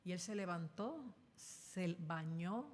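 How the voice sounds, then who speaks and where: A woman pastor delivering a dramatic sermon, with sudden loud bursts as she acts out the voices she quotes. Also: lowish voice, animated, slow. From Puerto Rico. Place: church sanctuary. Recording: long reverb in a church hall.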